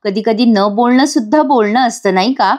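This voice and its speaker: A woman voicing a gentle, soft-spoken young bride-to-be in a serial recap. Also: on the high side, moderate pace, lightly acted.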